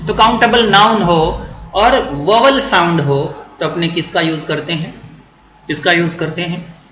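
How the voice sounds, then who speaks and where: A man teaching English grammar for exam prep, repeating words slowly to drill pronunciation. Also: on the high side, pushed and bright, roomy sound, slight background noise, low-quality recording.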